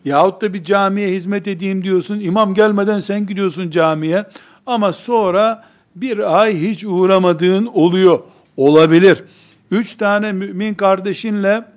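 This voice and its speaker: A man preaching a sermon in an emphatic, rhetorical way, acting out the voices of the believers he describes. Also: sits high.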